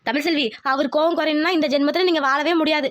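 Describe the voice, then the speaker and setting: A woman voicing a bossy, scheming village mother-in-law in a cartoon, talking quickly and insistently. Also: high-pitched, steady tone, a bit bright. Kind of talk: cartoon voice acting.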